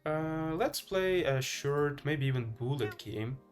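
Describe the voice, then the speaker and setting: Slow and lively in intonation, this slightly high male voice belongs to a chess streamer from Ukraine with a Ukrainian accent. He comments on his game live, talking to viewers in a halting, think-out-loud style.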